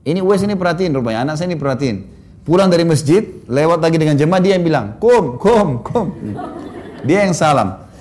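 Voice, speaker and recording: Preaching to a congregation, a man shares warm anecdotes about his children and often chuckles at his own tales. His voice runs on the high side, expressive and fast, with a little hiss or hum in the audio.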